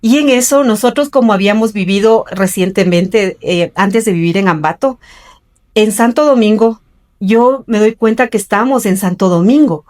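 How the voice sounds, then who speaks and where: A middle-aged woman from Ecuador shares her life story in an interview, speaking earnestly and voicing the people who appear in it. Her voice is mid-range and a little mellow, delivered at normal speed as personal storytelling.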